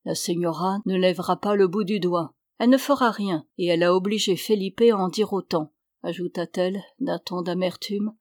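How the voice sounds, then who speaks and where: A woman reading the lines of a tender, devout young runaway woman in a storybook, in a soft voice that lifts when she is moved. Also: on the low side, normal speed, few pauses, no room sound, clean studio sound, natural voice. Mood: earnest.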